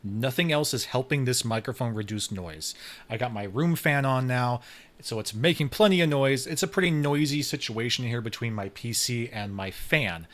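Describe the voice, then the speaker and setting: A man's voice: mid-range voice, normal speed, a bit bright. A man casually reviewing an audio mixer at a desk microphone in a home room, chatting and repeating words for emphasis. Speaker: tech reviewer. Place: home room with fan and PC running. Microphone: desk microphone about eight to ten inches away.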